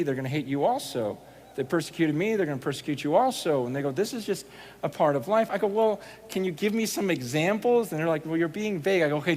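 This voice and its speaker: A man preaching a storytelling sermon, animated, acting out conversations and swinging from hushed to loud. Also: a little high, a little hiss or hum. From United States. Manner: animated, acts out dialogue, quick shifts from hushed to loud.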